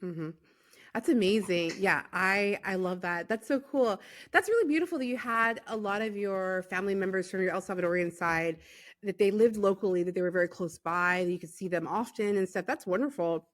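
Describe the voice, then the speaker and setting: A woman's voice: medium pitch, brisk. A woman from Los Angeles hosting a podcast, affirming her guest often with mm-hmms and enthusiastic replies. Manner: warm, affirming, frequent mm-hmms. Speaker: podcast host. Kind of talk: casual interview chat.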